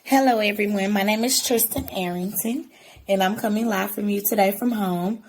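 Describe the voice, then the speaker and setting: A young woman speaking as the graduate speaker from her home, excited and a little hesitant. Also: medium pitch, normal speed, slight background noise. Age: young adult. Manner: excited, slightly hesitant with fillers. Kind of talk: speech from home.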